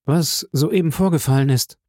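A man's voice: a little high, normal speed, darkish tone, dry recording, clean studio sound, pitched above the performer's own voice, close to an everyday voice. A man voicing an earnest, heartfelt young army captain.

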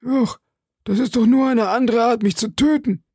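A man's voice: very high voice, moderate pace, darkish tone, husky, dry recording, studio quality, pitched above the performer's own voice, full character voice. Man voicing a wounded, pleading assassin soldier. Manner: pleading, stammering. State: weak from blood loss. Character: wounded frightened male soldier, a hired assassin. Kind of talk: audiobook character reading.

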